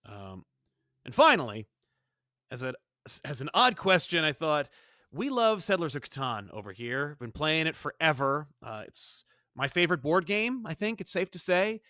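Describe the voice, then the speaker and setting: A man co-hosting a pop culture podcast, talking in a casual, playful and animated way. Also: fairly high pitch, moderate pace, no echo, studio quality. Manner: animated, playful, puts on silly voices in quotes. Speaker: podcast co-host. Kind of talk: casual chat.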